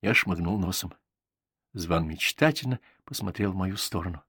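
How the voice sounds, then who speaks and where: Man narrating an audiobook, low voice, dry close sound, even storytelling. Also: normal speed, husky, no echo. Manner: even storytelling, voicing each character.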